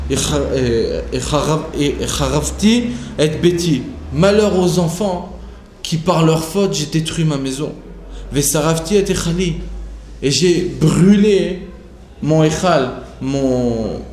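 A man's voice: fairly high pitch, darkish tone, slight background noise. Man teaching Talmud in an echoey room. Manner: rises into a sing-song chant when quoting texts; explains phrase by phrase with restarts. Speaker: religious teacher. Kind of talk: Talmud study lesson. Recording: echoey room with faint ambience.

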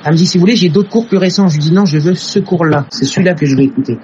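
A man's voice: fairly high pitch, rapid-fire, darkish tone, highs cut off, slight background noise. A man telling an emotional personal story in an earnest way. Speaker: testimony teller. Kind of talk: personal testimony.

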